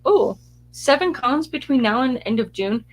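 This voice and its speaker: A woman co-hosting a casual comic book podcast, talking in an excited, chatty way with frequent restarts. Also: high-pitched, normal speed, low-quality recording. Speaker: podcast co-host. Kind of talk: casual chat.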